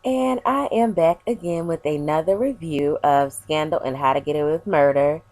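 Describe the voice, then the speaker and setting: A young woman reviewing TV episodes in a casual vlog, chatty and animated, talking to her viewers while sounding a bit stuffy from a cold. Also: deep voice, moderate pace, no echo. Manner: animated, chatty, addresses viewers as "you guys". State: stuffy, unwell.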